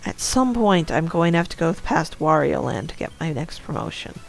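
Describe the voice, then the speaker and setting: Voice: mid-range voice, very animated, moderate pace, creaky, faint music behind. A streamer giving casual commentary over a board game, talking to themselves with muttered asides. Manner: talks to self about the game, muttered asides.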